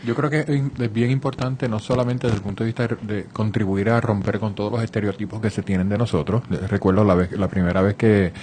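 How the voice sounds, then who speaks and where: A man's voice: on the low side, steady tone, fast, hardly any pauses, a little mellow, a little hiss or hum. A man hosting a radio interview, asking thoughtful, hesitant questions. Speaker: radio host.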